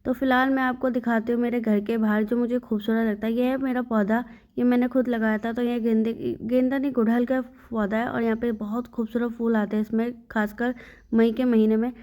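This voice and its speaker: Young mother, vlog voice. Tired from no sleep, a higher voice with little lift, speaks straight to her viewers. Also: level tone, a little fast, dark tone. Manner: weary, complaining, talks to the viewer. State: sleep-deprived and in pain. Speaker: mother vlogging her day with her baby. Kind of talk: casual vlog narration. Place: at home, by the front door.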